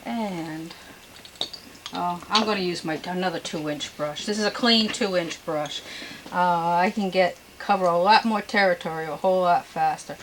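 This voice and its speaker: A woman giving an unscripted painting demonstration as a gentle instructor, with homely, folksy, chatty asides. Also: fairly low pitch, moderate pace, noisy background. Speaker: painting instructor and show host.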